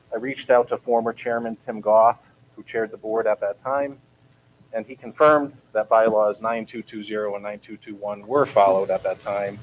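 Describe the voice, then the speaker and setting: A man with a fairly low voice runs a public school board meeting from the table. He explains the order of business steadily and procedurally, with a faint hiss of background noise. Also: poor audio. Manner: procedural, steady, with small restarts.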